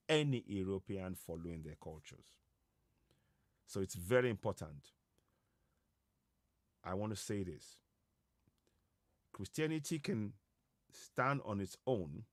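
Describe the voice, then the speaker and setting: A man with a lowish voice speaks live to viewers of his online broadcast, making an advocacy talk. He is from Yorubaland in West Africa with Yoruba as his first language, and his speech is slow, halting, repetitive, and riddled with hesitations. The recording is dry and of studio quality.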